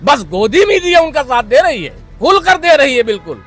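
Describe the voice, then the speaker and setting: Man, social activist, heated outdoor street interview, loud and accusing, very high pitch. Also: very animated, faint music behind. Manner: loud, combative, rapid-fire accusations.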